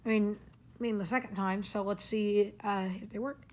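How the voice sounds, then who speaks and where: Amid heavy background noise, a gadget reviewer demonstrates a device hands-on in an informal, rambling way from a carpeted living room. Her mid-range voice is steady at a normal speed, and she stays off screen as a handheld camera or phone records.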